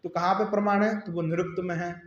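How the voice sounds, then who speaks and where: A man giving a religious teaching discourse, explaining step by step, posing questions and answering them himself, and slowly sounding out syllables to show pronunciation. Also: high-pitched, fairly even intonation. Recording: roomy, dull-sounding recording.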